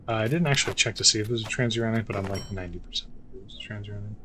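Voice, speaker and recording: A man's voice: on the low side, rapid-fire, fairly bright tone, a little hiss or hum, rough recording. A man giving casual, sarcastic commentary while playing a game solo, thinking aloud as he goes. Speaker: gameplay streamer.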